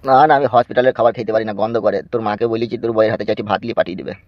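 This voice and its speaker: A man's voice: fairly low pitch, fairly even intonation, rapid-fire, dry recording, dull audio, natural voice. A man voicing a wounded father in hospital who begs his son to stay out of trouble, in a comedy cartoon. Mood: anxious. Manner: hushing, pleading caution.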